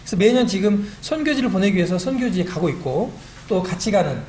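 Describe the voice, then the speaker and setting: A middle-aged man giving a church testimony, animated and self-deprecating, recorded in a church meeting hall. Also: sits high, fast. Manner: animated and self-deprecating, quotes his own prayers. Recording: echoey hall with faint room noise.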